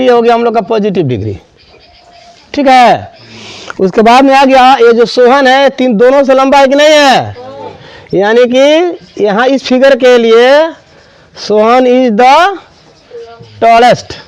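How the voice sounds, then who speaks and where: Lively high-voiced man teaching grammar. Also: smooth, no room sound. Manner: explains step by step, repeating key words slowly. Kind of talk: classroom grammar lesson.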